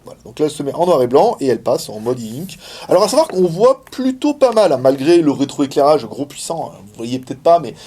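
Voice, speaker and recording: A man's voice: a little high, very animated, a little fast, hardly any pauses, mellow, husky. A man giving a casual, chatty hands-on demo of a gadget, with many fillers and laughs. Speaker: tech reviewer. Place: indoors, filming in China.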